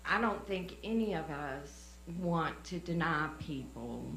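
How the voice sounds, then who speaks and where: Woman with a slow Southern drawl. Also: low voice, a bit bright. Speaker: resident speaking at public meeting. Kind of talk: public comment at a civic meeting. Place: indoor public meeting room. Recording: echoey meeting room with faint mains hum.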